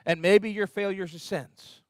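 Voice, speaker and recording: Preaching in a church sanctuary, a fairly high-voiced man keeps an earnest, conversational tone that stays steady at a measured pace. He brings energy to the quotes he acts out. Almost no room echo is heard, as the sound is close and dry.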